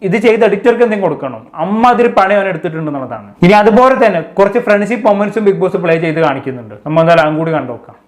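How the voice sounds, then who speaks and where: A man's voice: sits high, expressive, racing, hardly any pauses. A man giving a casual, chatty recap of a reality show and talking straight to his viewers. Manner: chatty, addresses viewers as kids. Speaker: show commentator.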